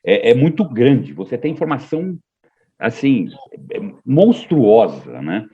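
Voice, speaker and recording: A man's voice: medium pitch, big pitch swings, a little slow, husky, dull audio. A man as a podcast guest, talking in a reflective, hesitant way with frequent restarts. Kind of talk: casual podcast conversation.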